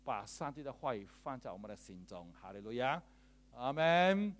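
A male pastor preaching a sermon, telling stories in a chatty way and leading the congregation in slow, shouted declarations. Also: medium pitch. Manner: storytelling in a chatty, lively way. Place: church.

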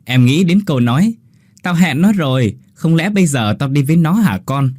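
A man's voice: on the high side, animated, normal speed, a little mellow, no echo, studio quality, pitched above the performer's own voice. A man doing a giggly mischievous ghost boy. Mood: gleeful. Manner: giggly, teasing.

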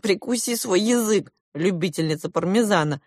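A woman's voice: medium pitch, animated, normal speed, a little mellow, no room sound, clean studio sound, natural voice. A woman reading a storybook aloud and voicing an eleven-year-old girl heroine who scolds and commands. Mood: bossy.

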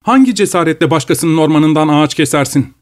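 A man's voice: on the high side, animated, brisk, voice pushed up, lightly acted. A man voicing a haughty, angry noblewoman who owns the estate. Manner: imperious, scolding.

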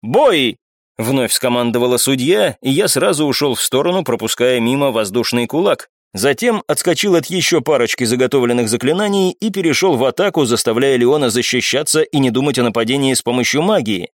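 A man narrates a first-person audiobook in a steady, measured voice. He sits at an ordinary middle pitch, and the recording is close and dry with no room sound. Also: no room sound.

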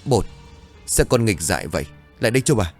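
A man's voice: fairly low pitch, sing-song, fairly quick, soft background music. A man voicing an elderly village grandmother who scolds her grandson and cries out for help. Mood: scolding. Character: elderly village grandmother, stern then frantic.

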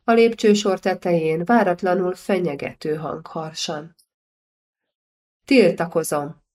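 Woman reading a historical novel audiobook, steady and calm, lowish voice. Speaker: audiobook narrator. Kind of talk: scripted narration of a historical novel.

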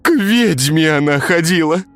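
A man's voice: high voice, brisk, a bit bright, dry recording, voice pushed up. A man reading a story, voicing a frightened young village girl who sobs and pleads. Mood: distraught pleading. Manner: sobbing, pleading, crossing herself.

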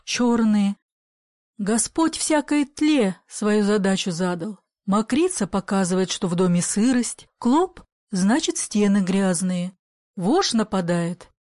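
A woman voicing a stern old grandmother who pleads in a hush and shouts firm orders, in a dry storybook reading. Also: mid-range voice, expressive, slow pace, dry recording. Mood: plain reasoning. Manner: whispering pleas, then firm shouted commands. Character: old grandmother, fearless yet afraid of cockroaches.

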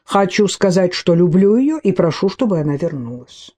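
A woman's voice: lowish voice, sing-song, normal speed, mellow. A woman reading an audiobook who voices a vain, self-assured man with a brash, demanding manner.

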